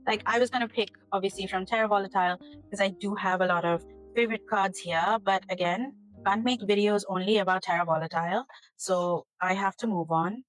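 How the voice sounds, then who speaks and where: A woman's voice: mid-range voice, steady tone, brisk, soft background music, rough recording. Earnest, rambling woman chatting to camera. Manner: rambling, earnest, gets emotional and laughs. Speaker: tarot channel host. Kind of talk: casual chat to camera. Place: home kitchen.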